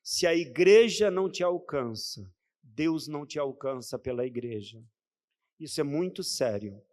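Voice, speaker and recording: A man with a Brazilian Portuguese accent preaches in a fairly high voice. He keeps it conversational and checks in with the congregation through rhetorical questions. His voice rings out with the long reverb of a church hall. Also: animated, a little slow, darkish tone. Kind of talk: sermon.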